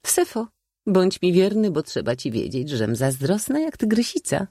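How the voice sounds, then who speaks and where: A man voicing a sharp-tongued, theatrical old maid aunt in an audiobook, teasing and declaiming in a shrill tone. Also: huge pitch swings, moderate pace, vocal fry, slightly rough, dry recording, studio quality, heavily acted. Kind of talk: audiobook reading.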